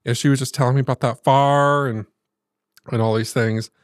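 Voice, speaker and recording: A man's voice: medium pitch, moderate pace, dry recording, clean studio sound. Southern-raised man telling a family story. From American South. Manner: animated storyteller, acts out quoted voices. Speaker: podcast co-host. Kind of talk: casual storytelling chat.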